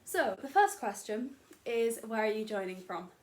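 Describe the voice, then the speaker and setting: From her bedroom, this young adult booktuber talks about books to camera in a loose, rambling way, full of fillers and self-deprecation. She sounds fairly high-pitched, expressive, and a little mellow, at normal speed.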